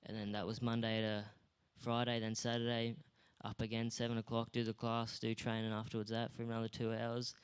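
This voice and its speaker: Young aussie guy on stage at a school awards night, easygoing, rambly, flat voice. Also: medium pitch, fairly quick, hardly any pauses, clear, resonant tone. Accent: Australian. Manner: laid-back, modest, rambling with fillers. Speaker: guest athlete. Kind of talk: interview on stage.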